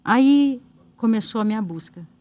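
A woman's voice: a little high, expressive, unhurried, darkish tone, no room sound. A woman with a Brazilian Portuguese accent, a guest singer telling her personal faith testimony in an earnest way, acting out the dialogue. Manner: storytelling with quoted dialogue, earnest.

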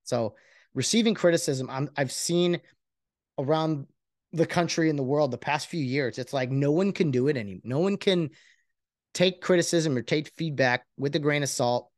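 A man hosting a podcast alone, talking in a rambling, earnest and self-reflective way, with many halting restarts. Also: on the high side, dry recording, studio quality. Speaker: podcast host. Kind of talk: casual solo podcast monologue.

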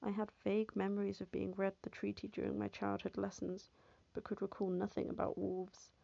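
A woman narrating an audiobook in first person, with a steady, even reading. Her voice is deeply gravelly and dark, with little rise and fall. The recording is dull, lo-fi and dry. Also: brisk, no room sound.

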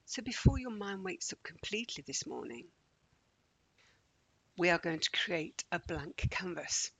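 A man leading a guided morning meditation in a slow, gentle, calming way, often dropping close to a whisper. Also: fairly high pitch, creaky, slightly rough, no echo, low-quality recording.

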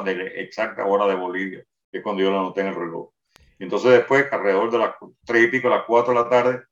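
An older man recounts a memory in rapid, detailed first-person testimony, often restarting his phrases. His voice sits a bit low and reaches the listener from a distance. The room around him is roomy and the sound is dull. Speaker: interviewee recounting a wartime memory.

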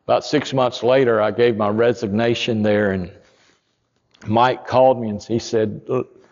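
A man, a pastor telling a story in a sermon, folksy and rising to loud emphatic peaks. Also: medium pitch, fairly even intonation, moderate pace, big-room sound, dull audio.

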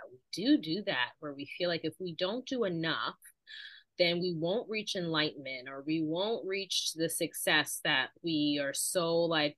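A woman hosting a podcast interview in casual chat, reflective and animated when she quotes herself, and a mother herself. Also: low-pitched, dry recording. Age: adult with children. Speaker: podcast host.

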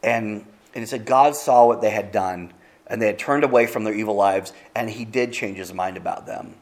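A man's voice: fairly low pitch, moderate pace. A man preaching a sermon, retelling a Bible story in a conversational way with easy asides to the congregation. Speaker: pastor.

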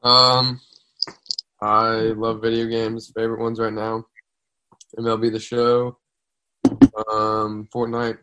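A man's voice: on the low side, monotone, takes it slowly, long pauses, sharp tone, clean tone. A young man chatting casually on a podcast, sarcastic and blunt. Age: young adult. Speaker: podcast co-host. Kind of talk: casual chat.

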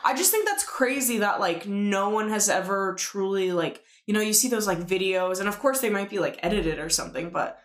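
A woman's voice: medium pitch, expressive, brisk, few pauses. A young woman from Washington state co-hosting a casual podcast, full of "like" and swearing. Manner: casual, filler-heavy, swearing. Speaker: podcast co-host. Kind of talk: casual chat. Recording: roomy echo.

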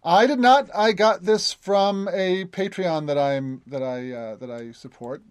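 A man's voice: high-pitched, unhurried, clean tone, dry recording. A man narrating as game master in a tabletop game, hesitant, with many fillers and restarts.

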